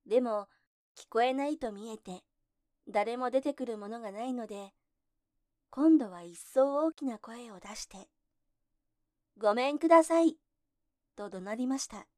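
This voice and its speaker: A woman narrating a folk tale in gentle, measured storybook telling. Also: a little high, no echo, clean studio sound.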